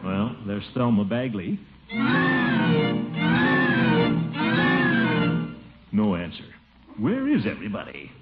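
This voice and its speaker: An actor playing a pompous, blustering middle-aged bachelor uncle in theatrical 1940s radio comedy style. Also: male voice, on the low side, wildly swooping pitch, normal speed, over loud music. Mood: musing. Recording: tinny, very noisy old radio recording.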